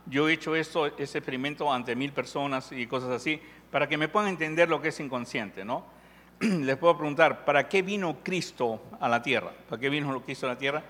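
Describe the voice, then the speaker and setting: A man's voice: a little high, fairly bright tone. A man from Peru preaching a sermon in a conversational way, joking and asking the audience questions. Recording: long hall reverb.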